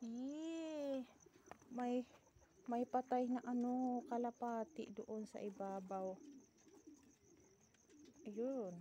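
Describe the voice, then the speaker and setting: A woman's voice: a little high, steady tone, drawn-out words, long pauses, mellow, dull audio, slight background noise. A woman vlogging outdoors on a farm hillside, chatting with her viewers and exclaiming often. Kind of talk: casual vlog chat to viewers.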